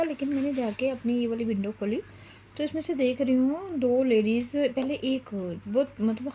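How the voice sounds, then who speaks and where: A woman's voice: medium pitch, muffled recording, a little hiss or hum. A young woman telling a long, rambling story at home in a casual vlog, stopping now and then to coax her small child. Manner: chatty, rambling, breaks off to coax her toddler. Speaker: mom vlogger.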